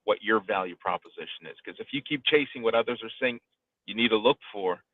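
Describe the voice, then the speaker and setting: A man with a lowish, expressive voice speaks quickly, hosting a live online audio discussion as a streaming coach. He gives conversational coaching advice emphatically, repeating phrases for weight. The audio is tinny and phone-like from the online room connection, with no room sound.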